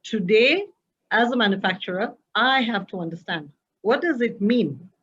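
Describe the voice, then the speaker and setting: A woman from Kenya with a heavy voice, speaking as a panelist over a video call. She explains in a soft-spoken way, with hesitant fillers. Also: medium pitch, expressive, moderate pace, breathy edge. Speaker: panelist, dairy manufacturer. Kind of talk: panel discussion remarks. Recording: dull lo-fi video call audio.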